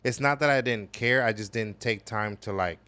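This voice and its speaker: A man from El Salvador, a podcast guest, talking reflectively about his upbringing with many pauses and fillers. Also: on the low side, bright, forceful tone, smooth, no echo. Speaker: podcast guest, business owner. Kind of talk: casual conversational interview. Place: gallery space.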